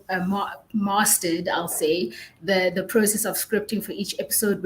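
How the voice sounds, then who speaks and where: Woman, slightly low pitch, explanatory panel talk, faint noise and rumble behind. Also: low-quality recording. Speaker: panelist, podcast editor.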